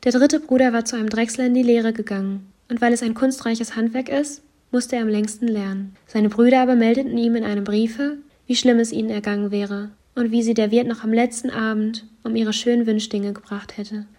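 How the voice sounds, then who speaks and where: A woman narrating a fairy tale in a lively storytelling manner, sometimes dropping to soft whispers. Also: fairly high pitch, fairly quick, few pauses.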